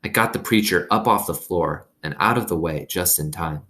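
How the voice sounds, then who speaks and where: Deep-voiced man reading a story aloud. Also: moderate pace, pushed and bright. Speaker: read-aloud narrator. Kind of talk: expressive children's novel read-aloud.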